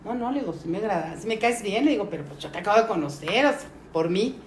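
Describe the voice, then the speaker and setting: A middle-aged woman with a Mexican accent tells a story casually as a podcast guest and briefly acts out the voices of each person in it. Her voice sits at an ordinary pitch for a woman. The recording sounds roomy, with a faint noise underneath. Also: animated, fast.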